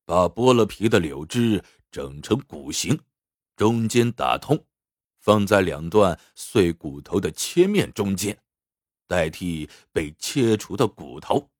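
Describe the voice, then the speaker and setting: A man voicing a cold, menacing army colonel who interrogates a captive, speaking slowly and deliberately in a husky, lowered voice. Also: very animated, no echo, studio quality, heavily acted. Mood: coldly lecturing. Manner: cold and slow, deliberate threats.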